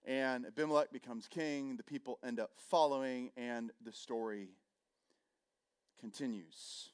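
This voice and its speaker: A man preaching a sermon and retelling a scripture story, swinging between loud and hushed delivery. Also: mid-range voice, measured pace, smooth. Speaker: pastor.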